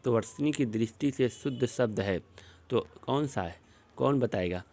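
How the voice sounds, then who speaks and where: A man's mid-range voice with a darkish tone guides an exam-prep session on spelling questions shown on a screen. He says each word slowly again as part of his explanation.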